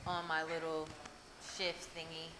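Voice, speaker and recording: A woman's voice: low-pitched, completely flat delivery, a little slow, pushed and bright, slight background noise, low-quality recording. A woman with an American accent hosting a casual talk show, teasing her guests and putting questions to them playfully. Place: live show with an audience.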